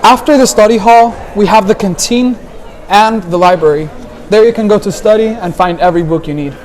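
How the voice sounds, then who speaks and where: Young male student guide from Guatemala, high pitch. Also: fairly quick, rough recording. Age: young adult.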